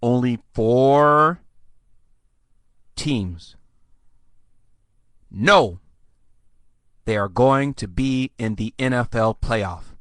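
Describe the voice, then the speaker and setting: A man's voice: mid-range voice, takes it slowly, pauses often, a bit bright, dry recording. A man hosting a podcast, ranting sarcastically with theatrical mock outbursts. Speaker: podcast host. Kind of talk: sarcastic solo podcast rant.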